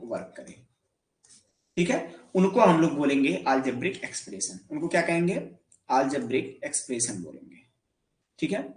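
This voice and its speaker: A man's voice: a little high, sing-song, a little fast. Hindi-speaking man teaching math, echoey room. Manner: asks questions and answers them himself. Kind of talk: classroom lecture.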